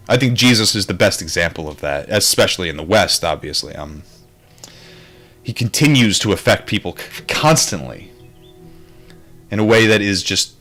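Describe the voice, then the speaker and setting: Reading from a book, this man with a low-pitched, fairly bright voice drifts into his own loose, meandering remarks. His asides come across as wry and reflective.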